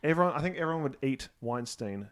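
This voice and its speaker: A man's voice: medium pitch, animated, fast talker. A man co-hosting a casual film podcast, firing off jokey quips and mumbled asides. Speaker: podcast host. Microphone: desk microphone used poorly.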